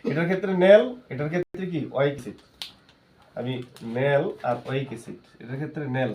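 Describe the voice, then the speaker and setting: A man's voice: mid-range voice, lively intonation, fast talker, a little mellow, a little hiss or hum. A male chemistry teacher, giving a classroom lesson. He keeps asking his students questions and then answers them himself.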